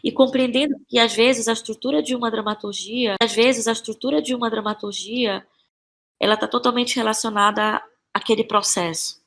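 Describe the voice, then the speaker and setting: A playwright and actress guesting on a podcast, she has a Brazilian Portuguese accent and a fairly high, slightly bright voice with fairly even intonation. She muses casually about her creative work, pausing to find words, circling back over phrases, and frequently adding tag questions.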